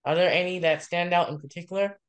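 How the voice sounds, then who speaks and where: A friendly interviewer who keeps the questions short and easy, speaking at an ordinary middle pitch. The delivery stays casual and encouraging throughout. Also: steady tone, quick pace, smooth, low-quality recording.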